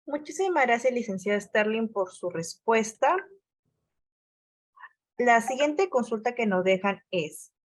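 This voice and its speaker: A woman's voice: on the high side, animated, a little slow, long pauses. A woman moderating a webinar, politely reading out audience questions in a formal way.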